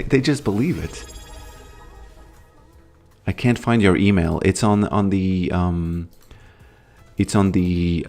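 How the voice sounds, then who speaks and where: A man from Latvia with a low, slightly mellow voice chats casually with viewers during a game stream. He rambles, muses, and greets the chat as he plays.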